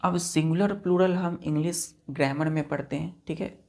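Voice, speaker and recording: A woman teaching a science class to children, mixing Hindi and English, dictating notes slowly and asking the class questions that she then answers herself. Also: low-pitched, steady tone, gravelly, dark tone.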